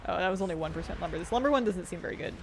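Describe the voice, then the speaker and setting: A woman's voice: fairly low pitch, lively intonation, rapid-fire, background noise. A woman chatting casually as she streams a game, rambling and thinking aloud in a conversational way. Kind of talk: casual gaming commentary chat. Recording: game music behind voice. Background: video game music and sounds.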